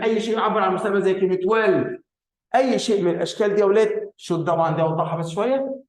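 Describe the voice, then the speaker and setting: A man's voice: sits high, darkish tone, echoey room, poor audio. Egyptian teacher coaxing his class. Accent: Egyptian Arabic. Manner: coaxing, repeats questions to students, slow careful English examples. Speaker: English teacher. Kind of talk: online grammar lesson.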